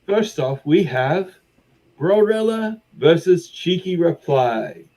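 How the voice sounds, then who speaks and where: A man's voice: a little high, lively intonation, slow pace, warm tone, pitched above the performer's own voice, exaggerated voice, poor audio. A man voicing a flamboyant baroness who welcomes a crowd to an arena with grand, showy announcing.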